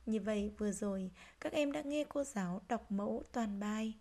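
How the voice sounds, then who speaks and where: A woman teacher giving a reading lesson to young children, speaking gently and pronouncing each word clearly. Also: mid-range voice. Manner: gentle, slow, clearly articulated. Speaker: primary school teacher.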